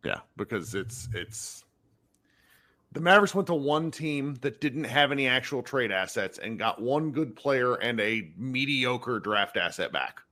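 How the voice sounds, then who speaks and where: A man's voice: mid-range voice, expressive, unhurried, sharp tone. A man hosting a long live podcast, sounding worn down and laid-back, mostly giving short replies to a caller. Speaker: podcast host. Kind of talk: casual chat with a caller.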